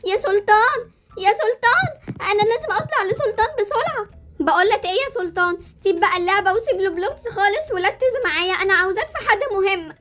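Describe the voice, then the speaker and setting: A woman's voice: very high-pitched, expressive, rapid-fire, fairly bright tone. Figure: a woman playing a cheeky little girl. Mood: mischievous. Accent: Egyptian Arabic. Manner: chatty, bossy, mischievous. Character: cheeky young girl, playful prankster.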